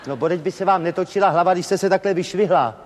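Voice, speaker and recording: An actor plays a fussy, chatty compere who tells jokes at every turn in a stage comedy sketch. His voice sits high for a man and rings through a reverberant theatre hall with faint noise. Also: natural voice. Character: fussy joke-telling male compere. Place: theatre stage before an audience.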